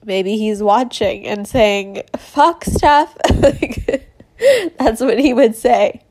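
A young woman speaking in an emotional personal monologue, halting with many fillers and laughing through tears. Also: medium pitch, mellow.

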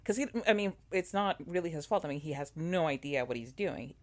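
Deep-voiced woman, talkative co-host, lots of restarts and fillers. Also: brisk. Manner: animated, many fillers and restarts. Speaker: podcast co-host. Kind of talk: casual chat about a TV show.

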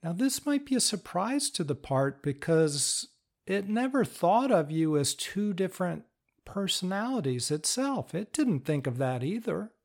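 Slow, patient man explaining. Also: high voice, sing-song. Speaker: teacher of inner-parts work. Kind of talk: instructional talk.

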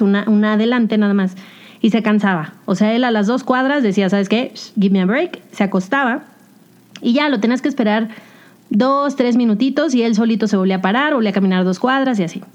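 Chatty Mexican woman podcaster. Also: fairly high pitch. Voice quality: chatty, animated storytelling with English slang. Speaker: podcast host. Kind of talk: casual confessional monologue.

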